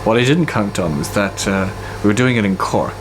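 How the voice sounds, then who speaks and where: Expressive and fairly quick, a man with a lowish voice shares anecdotes conversationally in an interview; he's a poet who directs a literature centre. The recording is clearly noisy, with ambient hum and passing vehicles.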